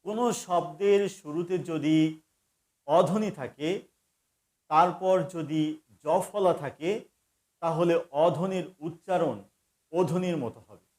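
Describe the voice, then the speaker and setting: A man giving a grammar lesson, stating each rule deliberately and repeating it. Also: fairly high pitch, a little mellow. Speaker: grammar teacher.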